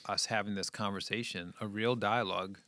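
A middle-aged guest from New England, USA, chats casually and earnestly about his schooling and family, often trailing off. His voice is fairly low, steady, fairly quick, and sharp, recorded with no room sound.

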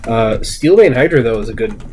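A man chatting casually about his own card game deck, quick and hesitant with restarts. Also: mid-range voice, expressive, a little mellow, slight background noise. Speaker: deck owner and podcast co-host.

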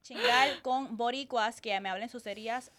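A woman's voice: fairly high pitch, normal speed, fairly bright tone, no room sound. A young woman with a Puerto Rican Spanish accent co-hosting a podcast, telling candid stories with laughs, a little tipsy. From Puerto Rico. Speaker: podcast co-host. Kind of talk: casual chat.

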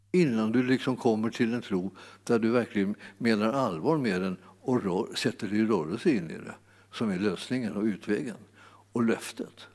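A man's voice: mid-range voice, darkish tone. En man som predikar med många omtagningar och upprepade ord, som ibland stegras till utrop. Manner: halting, repeats words, rises to exclamations. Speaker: preacher. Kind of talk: sermon. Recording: long hall reverb.

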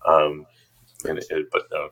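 A man's voice: a bass voice, monotone, takes it slowly, creaky, fairly bright tone, poor audio. A man in his fifties from upstate New York, a podcast guest chatting casually and self-deprecatingly about his life. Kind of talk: casual interview chat.

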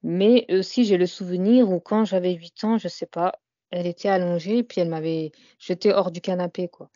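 A woman's voice: lowish voice, fairly even intonation, a little fast, dark tone, no echo, highs cut off. A young woman as an interview guest, talking casually and hesitantly, with many fillers and "you know" tags. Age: young adult.

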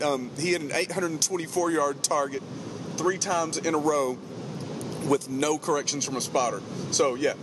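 A man chatting casually as a podcast host in a truck cab, with a jokey, colloquial way of talking. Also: fairly high pitch. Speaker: podcast host, firearms instructor. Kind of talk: casual chat. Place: inside a moving truck cab. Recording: clear road and vehicle noise.

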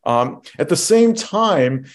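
A man's voice: a little high, sing-song, slow pace. A man co-hosting a film podcast, talking through a movie in an explanatory, thoughtful way, with frequent restarts. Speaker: podcast co-host. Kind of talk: casual film discussion.

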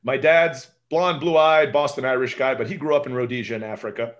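The audio is dull as a man in his forties, fairly quick and steady in his mid-range voice, tells stories in a casual interview. Raised in Turkey as a native Turkish speaker, he speaks with an American accent, rambling and often tagging lines with "right?"

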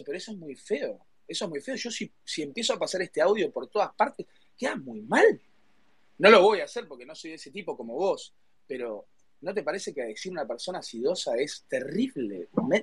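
Host, Rioplatense man, husky, close and dry, sarcastic and mock-offended. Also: fairly high pitch, very animated, moderate pace, no room sound. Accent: Rioplatense Spanish. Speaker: host of a live audio space. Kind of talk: heated casual chat.

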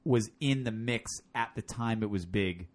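On a casual rock podcast, a male co-host jokes around and runs down a bracket, switching to a playful announcer voice when reading out matchups. His voice is on the low side and his pace is measured.

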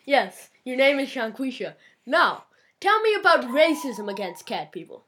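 Bright, high-voiced young woman. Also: big pitch swings, a little hiss or hum. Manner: playful, halting. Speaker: field reporter and interviewee in a comedy sketch. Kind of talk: playful mock news sketch.

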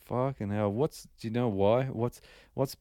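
A man's voice: medium pitch, steady tone, measured pace, mellow, no room sound, clean studio sound. A man co-hosting a podcast, talking in a laid-back, joking way with plenty of swearing. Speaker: podcast co-host. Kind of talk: casual chat.

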